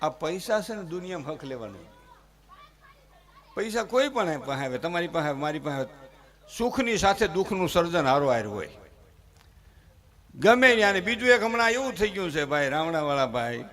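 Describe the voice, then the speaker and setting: A man tells comic folk stories to a live audience and turns them into earnest appeals. His voice sits high and rings bright and forceful. He moves between playful jokes and exhortation. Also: big pitch swings, brisk, pauses often. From Gujarat, India. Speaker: folk humorist performer.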